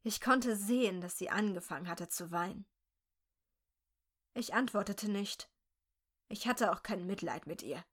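A woman reading a dark first-person story aloud in a slow, measured, quietly tense way. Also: mid-range voice, animated, breathy edge.

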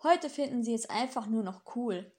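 Woman reading as a brash male demon, centuries old, sneering, dry, mocking, audiobook voice, slightly high. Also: animated, moderate pace, dark tone, lightly acted.

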